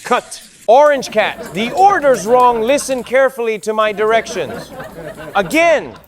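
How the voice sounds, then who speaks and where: A man with a notably high voice plays a harried film director, bossy and exasperated as he calls cut and again. A crowd is clearly heard behind him. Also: very animated, unhurried. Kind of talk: scripted comedic narration.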